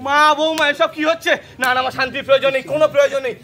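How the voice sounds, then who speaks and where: A man's voice: very high-pitched, flat delivery, very fast. A man playing a scheming son who profits from family quarrels, declaiming theatrically in an amateur stage play. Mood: frantic. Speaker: stage actor. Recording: loud crowd noise.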